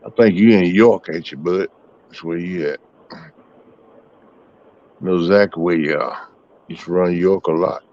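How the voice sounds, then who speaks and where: Deep-voiced man, folksy ramble. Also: measured pace, pauses often, a little mellow. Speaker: livestream host. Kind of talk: casual chat with viewers. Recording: muffled, dry.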